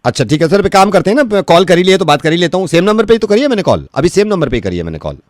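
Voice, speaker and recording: A young man pranks strangers over the phone as a radio jockey. He talks quickly with a high, swooping voice, moving from fumbling politeness to loud tirades. The sound is dry and close. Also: very animated, no room sound. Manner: switches from hesitant, overpolite mumbling to loud ranting.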